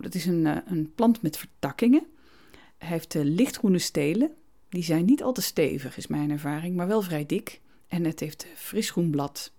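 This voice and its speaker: A woman hosts her gardening podcast from a home studio, chatting casually and often pausing or starting her sentences over. Her voice sits fairly low with a mellow, relaxed tone. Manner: chatty, frequent hesitations and restarts. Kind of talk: casual storytelling monologue. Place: home studio with cats around.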